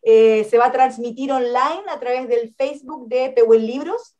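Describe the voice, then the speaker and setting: A woman speaks as a radio interview guest, her voice sitting a bit high for a woman. She explains in a steady, earnest way, often tagging her points with short checking questions. It sounds like a plain studio microphone. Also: normal speed, muffled recording. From Chile. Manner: earnest and explanatory, frequent "¿no?" and "¿cierto?" tags. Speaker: academic guest.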